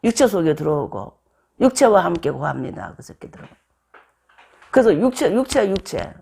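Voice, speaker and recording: A preacher delivers a sermon with a rough, gravelly edge to the voice. The talk runs like storytelling, and the preacher slips into short acted voices for quoted lines. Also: medium pitch, sing-song, moderate pace, a little mellow.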